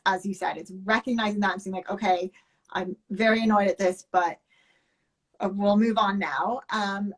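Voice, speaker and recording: A woman hosting an interview, asking questions hesitantly with many fillers and restarts. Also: medium pitch. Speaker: podcast host. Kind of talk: interview conversation.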